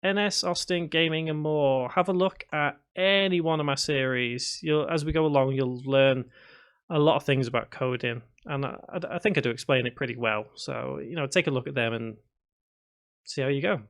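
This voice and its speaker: On a casual livestream, a game development tutor from around Liverpool, England, talks with viewers and replies to their comments, occasionally mumbling to himself as he works. He speaks with a faded Scouse accent at medium pitch and a moderate pace.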